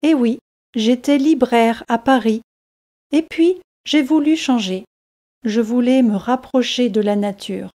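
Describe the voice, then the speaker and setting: A woman's voice: on the high side, unhurried, mellow, close to an everyday voice. A woman voicing a retired old Englishman, a tall, thin, kindly fisherman with an easygoing manner. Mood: friendly.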